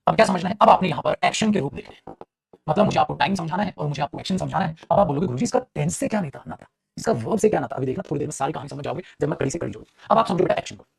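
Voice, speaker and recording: Fast-talking high-voiced Hindi teacher, gravelly. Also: male voice. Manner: calls students "beta", asks and answers his own questions; acts out students' replies in a lower voice. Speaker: English teacher. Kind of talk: classroom grammar lesson.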